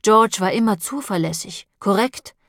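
A woman voicing a calm, professional gunman who speaks in a measured, polite manner. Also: medium pitch, no room sound, studio quality. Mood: composed.

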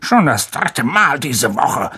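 A man's voice: very animated, a little slow, full character voice. A man voicing a blustering, furious middle-aged uncle who roars and splutters. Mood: grumbling. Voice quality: loud, booming, spluttering.

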